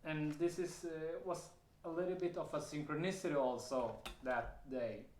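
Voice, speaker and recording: With a slightly high voice and moderate pace, a man speaking with a Swedish accent offers a casual testimony about his own experience to camera. Hesitations, fillers, restarts and occasional soft laughs run through it, with a roomy echo and slight background noise in the recording.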